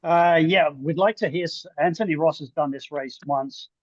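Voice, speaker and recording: A man's voice: fairly high pitch, normal speed, dull audio. A man from England, a triathlon coach, giving brief, agreeable replies on a video call. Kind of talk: casual chat on video call.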